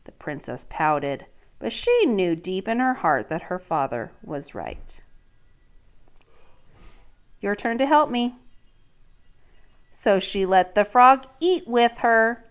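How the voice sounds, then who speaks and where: In a medium-pitched voice, a woman teacher reads aloud to young children with expression and deliberate pacing. She breaks off at points to quiz and prompt them.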